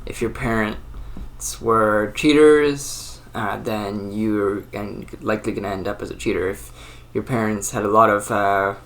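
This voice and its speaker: A man in his early twenties, a channel host, with a fairly low, fairly bright voice, fairly even intonation and a slightly slow pace with hardly any pauses. In a casual solo monologue, he rambles thoughtfully with many fillers and restarts.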